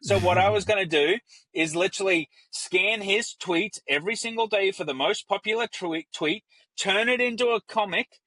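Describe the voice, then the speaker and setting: An Australian business founder with an Australian accent guests on a casual podcast interview, speaking energetically and acting out the voices he quotes. His voice is high-pitched and sharp at a normal speed, and the audio is poor, though with no echo.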